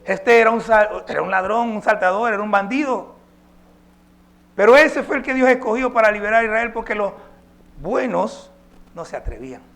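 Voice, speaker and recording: A man's voice: high-pitched, animated, normal speed, gravelly, a bit bright. A male pastor preaching a sermon, emphatic and posing rhetorical questions to his congregation.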